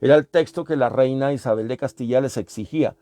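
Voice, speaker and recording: A man's voice: medium pitch, fast talker, warm tone, dry recording. Man giving a classroom lecture. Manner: explanatory, repeats sounds and asks the class questions. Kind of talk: classroom lecture on language history.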